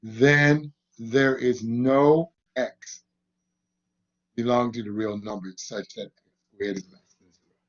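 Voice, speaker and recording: A man's voice: medium pitch, fairly even intonation, takes it slowly, long pauses, highs cut off. Man tutoring over glitching call audio. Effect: glitching, cutting-out call audio. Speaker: math tutor.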